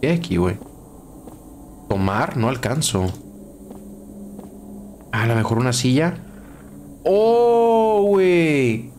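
A man's voice: medium pitch, animated, measured pace, long pauses, slight background noise. A young man with a Mexican Spanish accent, commenting on a horror game as he plays, swearing and shrieking when scared. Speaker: gaming streamer. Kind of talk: let's play commentary.

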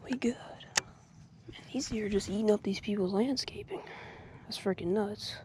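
A man's voice: high-pitched, moderate pace. A young man talking to himself as he fishes from a kayak on a lake, often in half-whispered asides, recorded on a head-mounted action camera outdoors. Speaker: angler vlogging from a kayak. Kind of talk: casual fishing commentary. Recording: outdoor action-camera audio with loud background noise.

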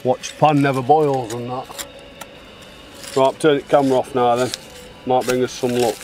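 Soft music plays behind this middle-aged man's medium-pitched, darkish voice, which has little pitch movement and a moderate pace. As an amateur bottle digger, he films his finds in a wooded dig site, chatting casually and bluntly, with clear outdoor noise on the handheld camera's microphone.

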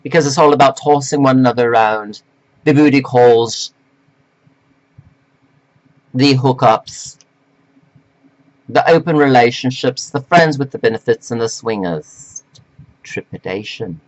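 A man delivering a slow, preachy, scolding monologue to men, reading from notes with sudden jumps in pitch. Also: lo-fi sound. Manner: reads from notes. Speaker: self-styled life coach addressing men. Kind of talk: lecturing monologue to camera.

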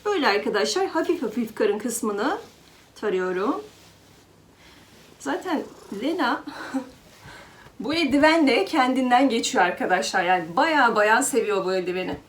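A woman with a high voice talks casually and warmly to her viewers, addressing them as friends. She explains a product at an easy, chatty pace and now and then coos to her cat. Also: animated, unhurried, long pauses, slight background noise. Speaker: pet vlogger.

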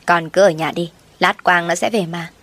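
A woman voicing a cold, mocking middle-aged stepmother in a told story, with a fairly low voice. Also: fairly even intonation, moderate pace, fairly bright tone, no echo.

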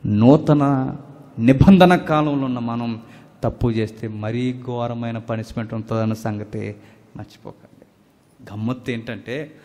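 Male preacher, mid-pitched, dramatic sermon delivery from loud to hushed, long hall reverb. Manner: dramatic, swinging from loud bursts to near whispers. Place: church anniversary service.

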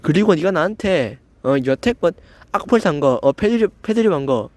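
This is an angry rant aimed at a commenter by a young man who hosts a channel, his voice on the high side, expressive and a little mellow, at normal speed with no room sound. He stammers, pronounces things slightly slurred, swears confrontationally and fills gaps constantly with "eo".

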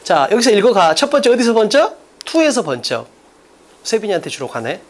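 Speaking a little fast in a high-pitched, very animated voice, a man gives an energetic lecture on an English exam. His blunt, casual speech is emphatic, and he constantly quizzes his students with rhetorical questions.

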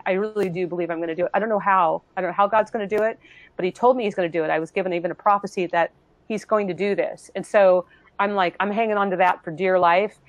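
A woman giving an earnest, emotional personal testimony in a panel talk, halting with many restarts and acting out other people's voices. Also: lowish voice, dry recording, poor audio.

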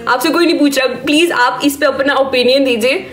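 A woman with a hoarse, sore-throated voice delivering a stern warning rant to her live-stream viewers, scolding them and asking "okay?" after each point. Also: sits high, fairly even intonation, brisk, a bit bright, soft background music. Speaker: social media creator on a live stream.

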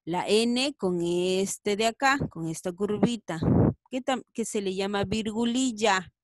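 A woman's voice: medium pitch, takes it slowly, no room sound. A woman teaching a children's reading lesson. She stretches each word syllable by syllable and coaxes her pupils to read along. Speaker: primary school teacher.

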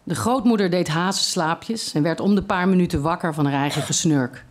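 A reader telling a short story aloud at a literary evening in a steady, measured way. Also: medium pitch.

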